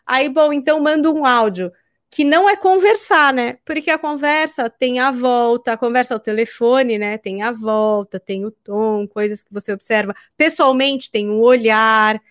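A woman's voice: a little high, normal speed, no echo, clean studio sound. A Brazilian woman co-hosting a podcast, chatting casually and acting out little quoted exchanges as she tells stories. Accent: Brazilian Portuguese. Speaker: podcast co-host, presenter.

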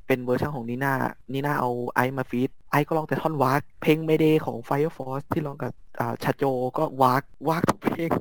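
A man's voice: medium pitch, fairly even intonation, fairly quick, few pauses, no echo. A man chatting casually as a guest fan, blunt and jokey, with casual swearing. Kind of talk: casual chat.

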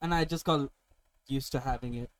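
A man's voice: mid-range voice, normal speed, low-quality recording. A man hosting a podcast, chatting casually and telling stories with plenty of swearing. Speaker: podcast host. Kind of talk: casual chat.

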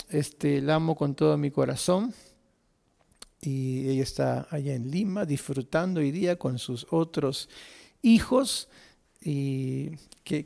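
Un predicador nacido en Argentina que da un sermón conversado y bromista ante una congregación. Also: male voice, fairly high pitch, vocal fry. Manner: warm, chatty, jokes with the congregation. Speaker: preacher. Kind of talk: sermon.

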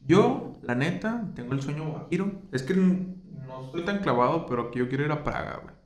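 A man's voice: a little high, lively intonation, a little fast. A young man, cracking cocky jokes in casual chat with friends. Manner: joking, cocky banter. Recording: echoey room with chatter behind.

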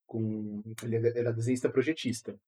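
A man's voice: medium pitch, flat delivery, quick pace, dark tone. A man with a Brazilian Portuguese accent talking informally and slangily in a casual podcast chat.

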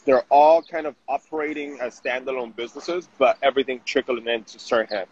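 A Venezuelan man, a digital marketing director, is interviewed outdoors on a city street and talks casually, often restarting his words. His mid-range voice is fairly quick, a little mellow and breathy, with no room sound, while the audio is dull and faintly noisy.

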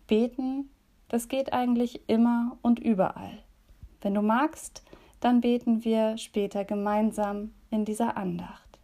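A woman leading a calm devotion, gently reading a children's story and a psalm, sometimes softly whispering. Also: on the high side, a little slow. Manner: gentle, soft, at times whispered.

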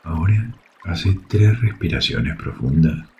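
A man with a Rioplatense Spanish accent leads a guided sleep meditation in a soft, soothing, hushed delivery with long pauses. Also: low voice, animated, muffled recording, slight background noise. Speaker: yoga nidra guide. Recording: faint water ambience behind voice. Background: trickling water sounds.

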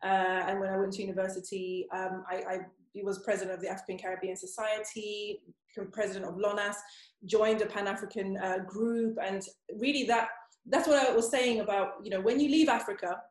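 A woman from Zimbabwe, a guest on a discussion panel, speaking in a measured, reflective way. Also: medium pitch, fairly even intonation. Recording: roomy echo.

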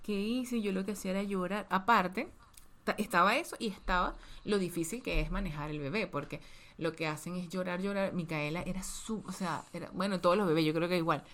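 A woman's voice: on the low side, fairly even intonation, a little fast, fairly bright tone. A woman speaking candidly and emotionally about being a mother, repeating words for emphasis. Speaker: podcast co-host, mother of a toddler. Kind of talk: candid casual chat.

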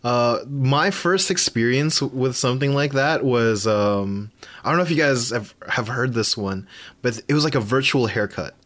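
A man's voice: mid-range voice, normal speed, fairly bright tone. Young guy chatting on a podcast, rambles a lot, laughs a bunch, normal mid voice. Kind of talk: casual chat.

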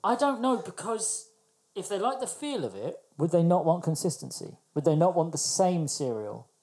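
A woman's voice: on the low side, big pitch swings, moderate pace, mellow. A woman with a British accent chatting casually as a podcast co-host, teasing and a little pedantic. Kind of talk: casual chat.

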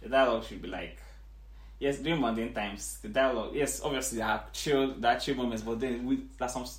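A man's voice: medium pitch, a little fast. A man with a Nigerian accent chatting casually as a podcast guest, repeating words as he works out his point in a roomy recording. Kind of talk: casual chat. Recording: roomy, echoey home recording.

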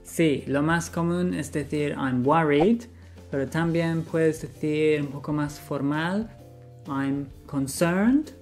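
A man's voice: on the high side, slow pace, a little mellow, faint music behind. A man teaching vocabulary, patiently repeating each word for practice. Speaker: English teacher. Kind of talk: bilingual vocabulary lesson.

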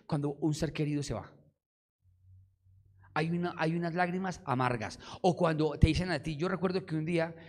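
A man preaching a sermon in an animated way, acting out dialogue and prayers and swinging from hushed to loud. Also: sits high.

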